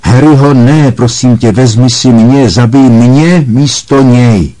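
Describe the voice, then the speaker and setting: A man voicing a terrified young mother begging for mercy in a slow, desperate plea. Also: mellow, close to an everyday voice. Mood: desperate pleading. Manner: high, slow, desperate pleading.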